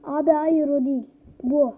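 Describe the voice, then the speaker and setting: A woman giving excitable, teasing let's-play commentary as a gaming YouTuber, laughing often. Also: sits high, normal speed. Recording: dull lo-fi home recording.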